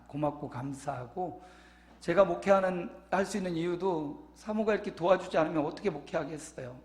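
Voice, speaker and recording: A man in his fifties preaching a conversational sermon as a pastor, dropping to soft asides and rising to loud, emphatic passages. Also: fairly high pitch. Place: church sanctuary. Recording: echoey church hall.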